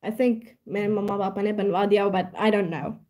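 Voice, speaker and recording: Young Indian-accented woman, live Q&A host, relaxed unhurried delivery, Hindi-English mix. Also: medium pitch. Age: young adult. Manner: mixes Hindi and English, switching mid-sentence. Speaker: young motivational speaker answering live comments. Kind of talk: casual live Q&A, reading out viewer comments.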